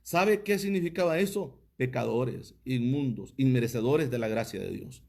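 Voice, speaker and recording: A man's voice: mid-range voice, lively intonation, moderate pace, vocal fry, mellow. A man, a pastor giving a livestreamed teaching sermon, reading viewer comments and asking his audience one rhetorical question after another.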